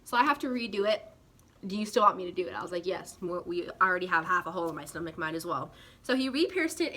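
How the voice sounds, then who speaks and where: A young woman from California chatting casually to camera as a vlogger, animated and full of "like" and "guys". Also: mid-range voice.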